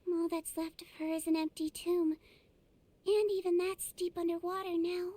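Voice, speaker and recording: Tiny, very high-voiced girl healer. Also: flat delivery, normal speed, warm tone. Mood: wistful. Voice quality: small childlike voice. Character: small young girl healer, earnest and determined. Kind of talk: video game story dialogue. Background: music.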